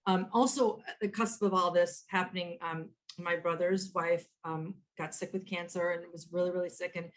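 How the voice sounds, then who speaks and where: A woman in her fifties, a podcast guest telling stories in an animated way, often quoting herself and restarting sentences, over a video call. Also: fairly low pitch, normal speed, hardly any pauses. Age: 50s. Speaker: guest, author and entrepreneur. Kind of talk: conversational storytelling.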